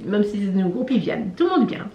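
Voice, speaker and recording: Recorded in an echoey room with lo-fi sound and slight hiss or hum, a woman speaks very fast in a warm, expressive, mid-range voice. As a travel vlog co-host, she chats casually as a guide, with many fillers and self-directed laughs.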